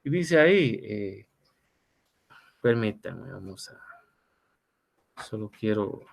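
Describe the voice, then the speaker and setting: A man's voice: on the low side, sing-song, extremely slow, gravelly, slight background noise. A middle-aged man teaching an online law class, talking conversationally with fillers and tag questions. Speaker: law lecturer.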